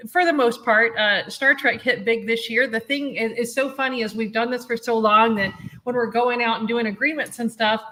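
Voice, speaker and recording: A woman's voice: fairly high pitch, steady tone, moderate pace, pushed and bright. A woman who runs a convention, talking casually in an interview and laughing easily. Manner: chatty, laughs often. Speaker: convention director.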